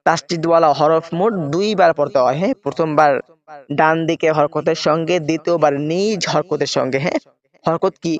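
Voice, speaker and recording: A man's voice: a little high, fairly quick, lo-fi sound. A man teaching Quran reading step by step, spelling out letters and vowel marks and often checking in with his listeners.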